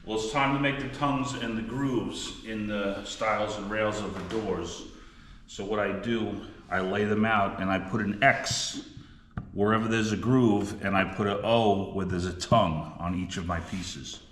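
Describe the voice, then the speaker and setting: A man's voice: fairly low pitch, steady tone, a little slow, a bit bright. A man demonstrating woodworking in a plainspoken, practical way, like a shop class teacher. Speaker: woodworker demonstrating cabinet making. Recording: echoey workshop, clear background noise.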